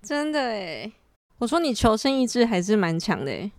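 A woman's voice: a little high, very animated, normal speed, dry recording, clean studio sound. A woman co-hosting a casual chat, teasing with short reactions.

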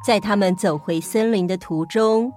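A woman stand-in host telling a children's story in a gentle, even way. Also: medium pitch, normal speed, faint music behind.

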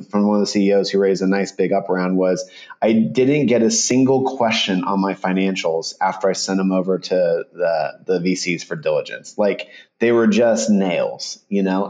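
A man's voice: on the low side, a little mellow, highs cut off. A man talking casually as a podcast guest, chatty, informal and self-deprecating, like a business founder. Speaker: podcast guest, startup accounting firm founder. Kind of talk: casual interview talk. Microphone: remote call with headphones.

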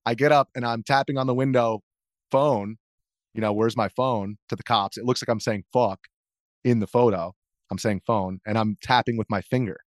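Recorded dry at studio quality, this American man speaks in a steady, mid-range voice at normal speed. As an interview guest and video journalist, he tells stories casually, cutting himself off and acting out quotes from people.

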